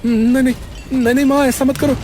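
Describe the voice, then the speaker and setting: A man voicing a gentle, timid young man who pleads softly with those around him. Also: high voice, a little slow. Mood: pleading. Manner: pleading, soft-spoken.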